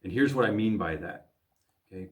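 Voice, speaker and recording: Man, pastor, Midwestern accent, low voice, video Bible lesson, halting with fillers. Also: lively intonation. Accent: Midwestern American. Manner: thinking aloud with many fillers and restarts. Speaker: pastor teaching a youth Bible study.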